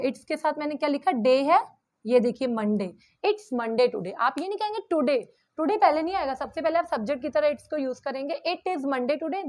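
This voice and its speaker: High-voiced Indian woman teaching English. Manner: explains patiently, reads example sentences slowly and deliberately; keeps checking in with "ठीक है". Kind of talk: spoken grammar lesson.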